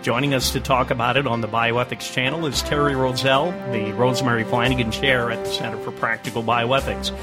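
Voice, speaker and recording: A man hosting a radio interview, asking questions in a measured, polite way. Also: mid-range voice, steady tone, music in the background. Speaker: interviewer host.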